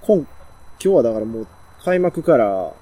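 Relaxed man with a Kansai accent. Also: medium pitch, moderate pace, slightly rough. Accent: Kansai Japanese. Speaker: podcast co-host. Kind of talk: casual chat.

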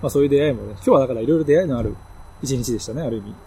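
A man's voice: medium pitch, rapid-fire, warm tone, slight background noise. A man in his thirties co-hosting a podcast, chatting casually and laughing easily, recorded in a hotel room. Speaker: podcast co-host. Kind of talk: casual chat.

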